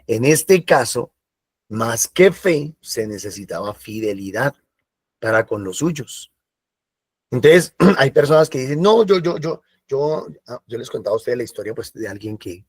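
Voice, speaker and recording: A man's voice: medium pitch, lively intonation, moderate pace, husky, no echo, clean studio sound. A man giving a sermon in a conversational style, slipping into quoted voices. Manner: conversational preaching with acted asides and quoted voices. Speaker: preacher.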